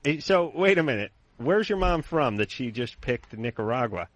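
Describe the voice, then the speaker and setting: A man's voice: mid-range voice, big pitch swings, normal speed, dry recording. A man co-hosting a call-in radio show, joking sarcastically with callers.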